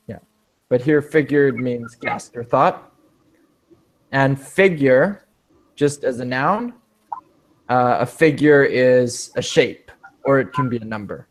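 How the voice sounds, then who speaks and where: A man's voice: mid-range voice, a little hiss or hum. A man teaching an advanced English speaking class, patiently explaining word meanings with examples. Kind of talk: online language class.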